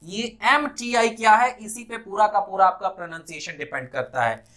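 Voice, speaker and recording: Giving a spoken English class in Hindi, an Indian-accented man slows his speech to break English words into syllables. He has a high voice with a fairly bright tone.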